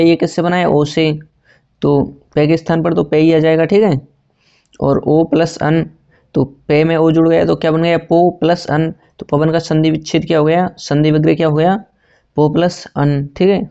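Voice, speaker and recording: Gravelly, flat-voiced male grammar teacher. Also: on the high side, lo-fi sound. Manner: repetitive, asks and answers own questions; self-correcting, says sorry mid-sentence. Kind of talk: exam-prep grammar lesson.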